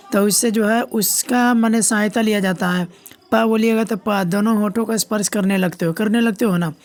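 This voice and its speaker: A woman teacher giving an exam-prep grammar lesson, asking herself questions, answering them, repeating key points and checking in with students often. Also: medium pitch.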